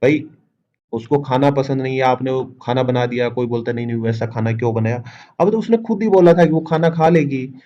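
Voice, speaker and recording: A man teaches a grammar lesson in a mellow, darkish voice. The recording sounds a little dull and lo-fi. He keeps asking the class questions, answers them himself, and dictates his example sentences slowly and with emphasis. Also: mid-range voice.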